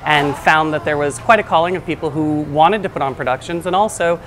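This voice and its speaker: A man's voice: fairly high pitch, brisk, fairly bright tone, a little hiss or hum, poor audio. A man with an American accent giving an interview as a theatre group's founder and director. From United States.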